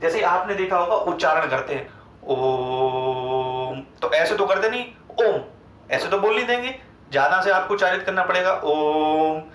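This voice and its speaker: A man with a Hindi accent teaching an exam-prep grammar lecture, asking questions and answering them himself, stretching sounds out slowly. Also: high voice, animated, a bit bright, roomy sound, recorded from a distance, low-quality recording.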